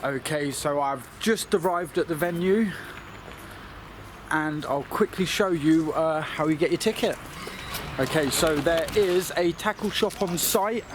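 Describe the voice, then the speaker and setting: A chatty, excitable man, narrating his own fishing vlog and laughing easily. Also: a little high, a little slow, soft background music. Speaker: fishing vlogger.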